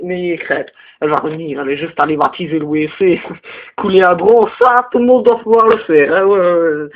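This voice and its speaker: A young man with a Belgian French accent playing a crude, rambling male teacher in a comedy sketch, lurching into high, indignant outbursts. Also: muffled recording, close to an everyday voice. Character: crude, touchy male teacher, single, lives with parents. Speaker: teacher at a parents' meeting.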